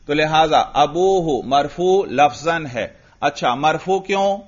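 A man gives a grammar lesson, firing short questions at his class and answering them himself. His voice sits a little high, and the recording sounds dull and lo-fi. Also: expressive. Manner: questions students and answers himself, drills step by step. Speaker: Arabic grammar teacher.

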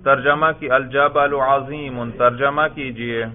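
A man's voice: medium pitch, fairly even intonation. Man teaching grammar over tinny audio. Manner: questioning, repeats student answers, praises. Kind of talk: classroom grammar lesson.

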